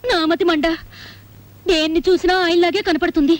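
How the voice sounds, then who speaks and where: A woman's voice: very high-pitched, level tone, moderate pace. An actress playing a middle-aged wife who scolds sharply and turns tearful and pleading over her absent husband. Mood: boastful, tearful. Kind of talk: Telugu film melodrama.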